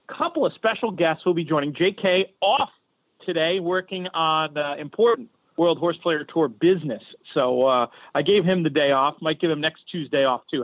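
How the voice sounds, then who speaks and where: A chatty man hosts a podcast, talking in a loose, rambling way. His voice sits a little high and comes through a cell phone held to his head, so it sounds tinny and dull. The sound is dry, with no room echo. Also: a bit bright. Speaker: podcast host. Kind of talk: casual podcast talk. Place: home in a city neighborhood.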